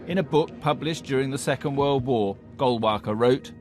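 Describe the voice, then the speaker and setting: A man's voice: mid-range voice, a little fast, darkish tone. Male documentary narrator over music. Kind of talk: scripted narration.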